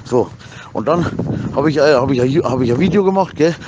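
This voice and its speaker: In a muffled recording with a noisy background, a man rambles through an agitated, casual rant, stammering over repeated words and swearing crudely in slang. His voice is medium-pitched with lively intonation and a slightly fast pace.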